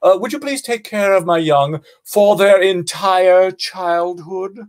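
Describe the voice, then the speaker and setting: A man's voice: high voice, slow pace, voice pushed up. Prim, formal wading bird, mock-polite, voiced by a man.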